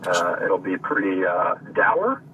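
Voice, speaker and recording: A man from Connecticut calling in over the phone, talking in a halting, deadpan way with lots of fillers. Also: low-pitched. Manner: hesitant, halting with many fillers, dry deadpan humor. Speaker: caller. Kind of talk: casual call-in chat. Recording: tinny distant phone line with faint hiss.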